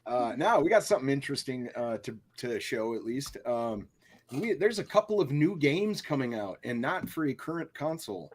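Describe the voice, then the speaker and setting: A man's voice: mid-range voice, sing-song, moderate pace. A man co-hosting a casual chat, easygoing and agreeable, introducing the next topic.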